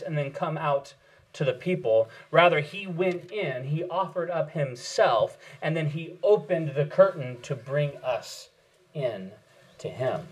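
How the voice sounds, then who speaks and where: A man's voice: a little high, rough recording. A man preaching a sermon earnestly, asking rhetorical questions and repeating key phrases for emphasis. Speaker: pastor.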